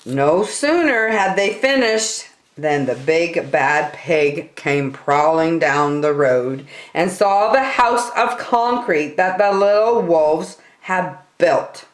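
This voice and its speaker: A woman reading a children's picture book aloud in an expressive, deliberate manner as a story time reader. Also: fairly low pitch, echoey room. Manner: animated, deliberate.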